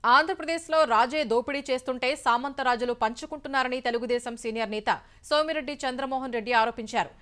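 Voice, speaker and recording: Woman, newsreader, fast formal delivery, smooth clear studio voice. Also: high-pitched, fairly bright tone. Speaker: news anchor. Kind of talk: scripted news reading.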